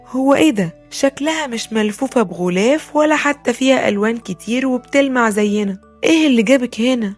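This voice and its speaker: A woman's voice: fairly high pitch, fast talker, faint music behind, close to an everyday voice. A woman with an Egyptian Arabic accent voicing a curious, timid male biscuit in a bedtime story. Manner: curious and wary.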